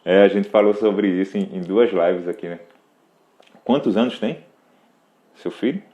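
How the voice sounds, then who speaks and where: Answering parenting questions as host of a live Q&A, a Brazilian Portuguese-accented man patiently walks a parent through practical advice. His voice is deep and mellow at a moderate pace, and the audio is dull.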